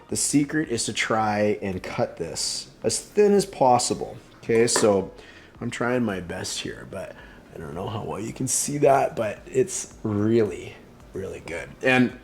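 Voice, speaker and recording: A man's voice: on the low side, sing-song, unhurried, vocal fry, a little hiss or hum. A man casually demonstrating a recipe at home, rambling and enthusiastic with plenty of fillers. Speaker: home cook. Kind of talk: casual cooking demo.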